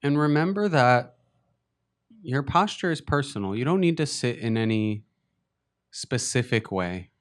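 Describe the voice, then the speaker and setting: A man teaching meditation guides a session with an expressive, medium-pitched voice, keeping a gentle, unhurried pace of short phrases and long pauses.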